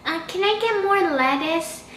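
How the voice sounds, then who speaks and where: A woman's voice: very high-pitched, unhurried, a bit bright, reverberant, faint music behind, voice pushed up. A woman voicing a picky female sandwich-shop customer who hesitates with ums and excuse-mes. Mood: fussy.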